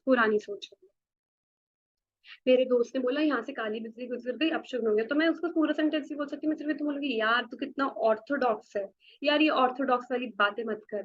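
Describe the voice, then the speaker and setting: A woman teacher with an Indian accent giving a beginners' spoken English lecture in a classroom, explaining slowly and repeating words back to the class. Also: high-pitched, lo-fi sound. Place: classroom with a blackboard.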